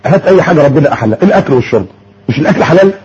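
A man's voice: fairly high pitch, animated, very fast, a little mellow, slightly rough. A man with an Egyptian Arabic accent preaching a sermon, firing rhetorical questions and mockingly repeating words. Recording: muffled lo-fi audio.

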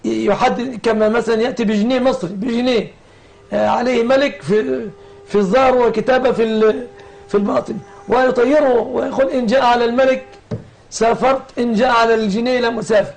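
Brief: brisk male host of a religious broadcast, gravelly voice, fast delivery. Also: very high-pitched, fairly even intonation, darkish tone. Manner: brisk, leads questioning of guest and callers.

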